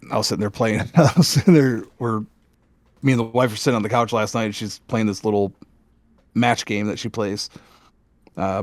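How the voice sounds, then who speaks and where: A middle-aged man co-hosting a casual gaming podcast, animated, laughing often and restarting his sentences. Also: mid-range voice, no echo. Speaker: podcast co-host.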